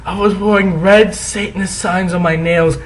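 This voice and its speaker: A man's voice: sits high, steady tone, normal speed, a little hiss or hum, poor audio. A man giving a comic dramatic reading, theatrical in delivery, with sarcastic asides as he comments on the text. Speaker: reader and commentator.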